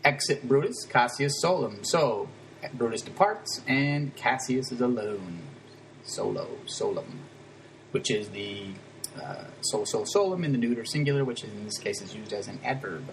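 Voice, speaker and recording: A man with a medium-pitched, animated voice teaches Latin, explaining a text line by line in a casual, conversational way and breaking down grammar with quick asides. The low-quality recording carries a little hiss or hum.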